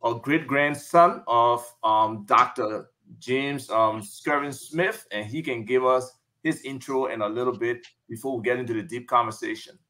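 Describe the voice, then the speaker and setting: Bright-voiced man moderating a video call. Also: mid-range voice, moderate pace. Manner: upbeat, coaxing guests to unmute. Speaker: panel moderator. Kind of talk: video call panel hosting.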